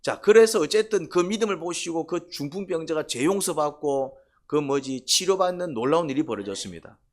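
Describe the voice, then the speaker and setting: A male pastor preaching a sermon, with lively delivery, many rhetorical questions and quotes he acts out. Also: fairly high pitch, brisk.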